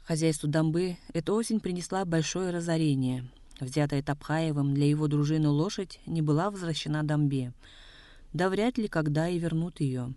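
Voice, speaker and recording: A reader narrating a literary novel in a steady, measured storytelling manner. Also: medium pitch, no room sound. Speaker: audiobook narrator.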